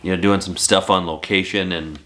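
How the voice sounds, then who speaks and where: A man's voice: low voice, steady tone, a little fast, a bit bright. A man in his thirties hosting a casual golf podcast at home, laid-back and casually swearing. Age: 30s. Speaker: podcast host. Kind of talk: casual chat.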